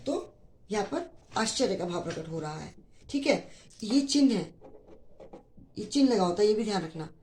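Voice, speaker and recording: A woman's voice: medium pitch, expressive, normal speed, pauses often, a little mellow, slight background noise. A woman teaching a grammar lesson to school students, explaining patiently and repeating key phrases, with mixed in. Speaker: Hindi teacher.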